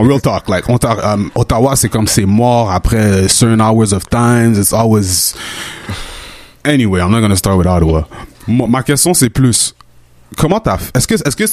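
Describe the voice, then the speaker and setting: Low-voiced radio host, dry sound. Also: male voice, normal speed, no room sound. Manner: relaxed, code-switches between French and English slang. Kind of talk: casual radio interview.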